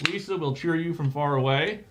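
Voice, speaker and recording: A man's voice: a little high, brisk, background noise. A man hosting a casual chat show, joking with his guests and often restarting his sentences. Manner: joking, animated, with frequent restarts. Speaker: host.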